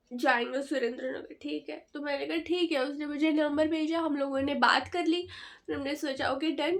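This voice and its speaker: Young woman chatting thru a storytime vlog, pretty high voice, kinda feverish and weak. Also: a bit bright. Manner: chatty, exclaiming, frequent fillers and repeats. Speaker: vlogger.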